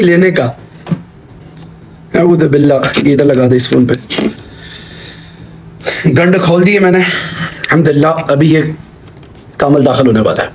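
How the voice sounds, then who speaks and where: Middle-aged streamer, fairly high voice, rambling half to himself, faint hiss behind. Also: male voice. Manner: rambling, muttering to himself while fiddling with cables. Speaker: live streamer. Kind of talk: casual live-stream chatter.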